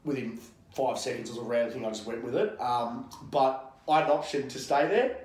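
This thirties-aged Australian strength coach is a podcast guest, recorded in an indoor gym with lots of echo. His mid-range voice is a little mellow and a little fast, and his manner is brash and fired-up, with plenty of swearing.

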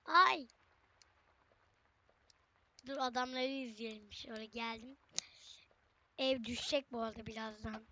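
A woman's voice: a little high, unhurried, pauses often, sharp tone, lo-fi sound, a little hiss or hum. A young woman giving casual, chatty gameplay commentary, often exclaiming and talking straight to her viewers. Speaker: gaming channel host.

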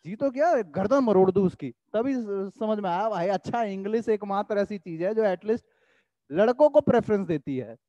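A young man teaching an online English class, telling a story in an animated, chatty way and dictating sentences slowly. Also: high-pitched, dry recording, highs cut off.

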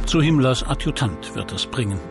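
Documentary narrator, male, mid-pitched, scripted delivery over clear background music. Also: expressive, moderate pace.

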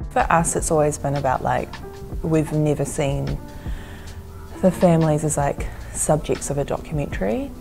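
A woman's voice: sits low, normal speed, gravelly, darkish tone. A young woman from New Zealand, a documentary director, talking thoughtfully in a casual interview. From New Zealand, Fijian and Tongan heritage. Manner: reflective, thoughtful, frequent "like". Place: gallery, seated indoors. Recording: music bed underneath.

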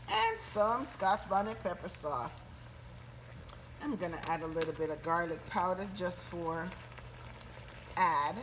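Her voice sits at medium pitch as she cooks on the stove and talks to her audience in a homespun, casual style. The clip, shot on a handheld phone camera, has background noise.

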